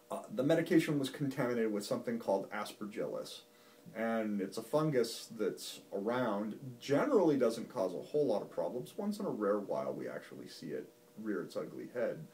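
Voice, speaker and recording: A man's voice: mid-range voice, darkish tone, recorded from a distance. A male physician explaining a medical topic in a folksy, plain-spoken, patient way. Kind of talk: medical explainer talk to camera. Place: doctor's office.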